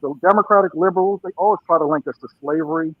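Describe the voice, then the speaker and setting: A man's voice: fairly high pitch, very fast, no room sound. A man calling in to a talk show, his voice muffled as if heard through a wall, talking bluntly and repeating his points. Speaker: first-time caller. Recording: muffled, phone-like call-in line.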